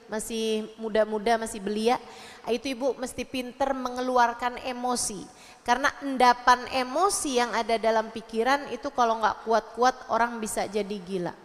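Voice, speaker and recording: High-voiced woman preaching in a hall. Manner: chatty, humorous, acts out mothers and children. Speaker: Islamic preacher. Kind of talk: sermon to a women's study gathering. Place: religious study gathering in a hall.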